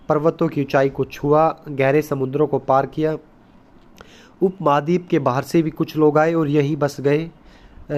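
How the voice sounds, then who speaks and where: A man with a somewhat high-pitched voice gives a recorded school lesson. He explains patiently and step by step, stops often to stress the important points, and slips English terms into his Hindi. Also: a little mellow. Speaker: teacher.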